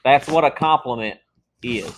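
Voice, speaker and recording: This math teacher keeps the lecture conversational, working through examples and regularly asking his students "okay?" He speaks at a medium pitch and normal speed, with a noisy background behind him.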